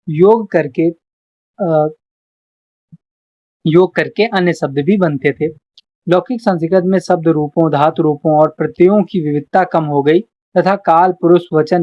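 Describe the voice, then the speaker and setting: A tutor gives an exam-prep lecture at a mid pitch, reading notes aloud and then breaking them down. The delivery stays steady and explanatory, listing terms one after another with a habitual "okay" between points. The recording sounds dull and lo-fi.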